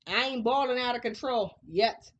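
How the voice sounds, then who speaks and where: A woman's voice: on the high side, normal speed, lo-fi sound. A woman in her thirties hosting a personal vlog, telling her story frankly with frequent laughter and talk of faith. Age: 30s. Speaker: vlog host.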